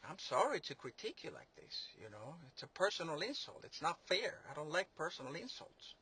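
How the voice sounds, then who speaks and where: A man's voice: a little high, sing-song, a little fast, bright, forceful tone, slightly rough. A man delivering a sarcastic political monologue, rambling and mocking, with many fillers and restarts. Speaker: commentator.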